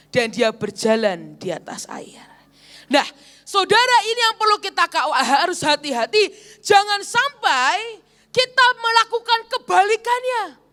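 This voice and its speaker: A woman's voice: extremely high pitch, fairly bright tone. A woman evangelist preaching a sermon at a church service, telling a story and often addressing the congregation directly.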